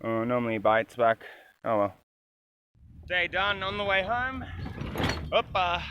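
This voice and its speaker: A man's voice: high-pitched, big pitch swings, a little slow, smooth, dry recording, dull audio. A man talking casually to camera outdoors in a rural garden, chatty and swearing now and then, with dogs barking around him. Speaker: vlogger. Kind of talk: casual vlog commentary.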